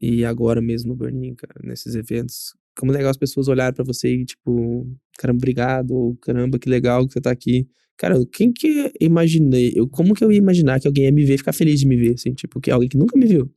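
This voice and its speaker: A young Brazilian man with a Brazilian Portuguese accent, a podcast guest talking in a relaxed, chatty, upbeat way. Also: medium pitch, fast talker, gravelly, few pauses, no echo, studio quality. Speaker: guest, emergency medicine resident. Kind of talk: casual podcast chat.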